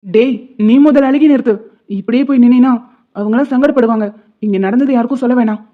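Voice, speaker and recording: A woman's voice: fairly high pitch, fast talker, lightly acted. A woman voicing a stern middle-aged village-head husband who scolds and gives orders in a cartoon. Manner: scolding, commanding. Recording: tinny phone-like lo-fi sound.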